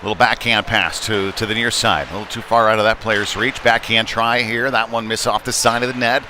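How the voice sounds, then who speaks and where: This live hockey commentary comes from a man with a fairly low voice who talks a little fast, keeping things loose and conversational but raising his energy when play heats up. It's a noisy stream from an indoor rink, full of rink ambience and clear background noise.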